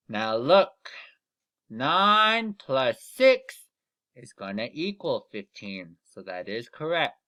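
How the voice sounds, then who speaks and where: A man teaching young children in the manner of a kids show host, explaining deliberately step by step and often checking in with "okay?". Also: medium pitch, bright, forceful tone. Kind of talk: children's lesson instruction.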